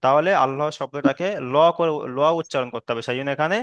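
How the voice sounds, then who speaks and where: A man teaching Quran recitation rules in a patient online lesson, explaining slowly, checking in with students, and drawing out chanted examples. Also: medium pitch, a bit bright, clear, resonant tone, no echo. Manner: drawn-out chanted Arabic examples.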